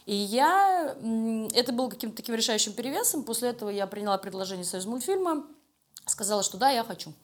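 Speaking fast with lively intonation and a fairly high pitch, a woman who works as creative director at an animation studio chats through an interview. She tells stories casually in slangy, informal language.

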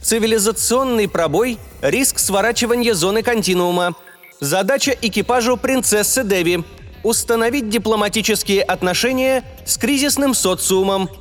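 A man's voice: high-pitched, moderate pace, pitched above the performer's own voice, close to an everyday voice. A man voicing a spaceship computer in an audiobook, coldly official and clipped, as in a mission announcement. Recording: long reverb, music behind.

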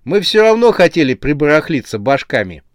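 A man's voice: fairly high pitch, big pitch swings, brisk, dry recording, clean studio sound, voice pushed up. A man voicing a cheerful, teasing male worker from a monster factory in a horror audiobook.

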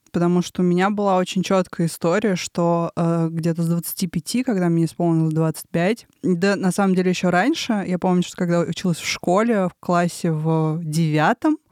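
A woman's voice: lowish voice, moderate pace, darkish tone, dry recording, studio quality. A woman guest on a podcast, an artist and photographer, telling a story candidly in casual chat.

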